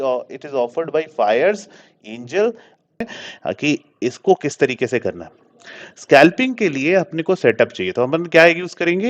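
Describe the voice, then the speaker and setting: A man giving a screen-share trading lesson, explaining step by step, often asking and answering his own questions and slipping English words into his talk. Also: medium pitch. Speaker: trading teacher. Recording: dull lo-fi sound.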